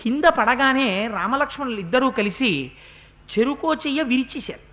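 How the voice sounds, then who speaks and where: A man giving a lively, storytelling religious discourse that breaks into slow, chanted Sanskrit verses. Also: very high voice.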